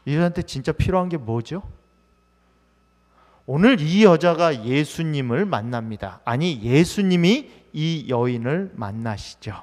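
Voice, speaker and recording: A man's voice: a little high, animated, measured pace, a little mellow. A male pastor preaching a sermon in a conversational way, asking the congregation many questions. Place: church sanctuary. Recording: long hall reverb.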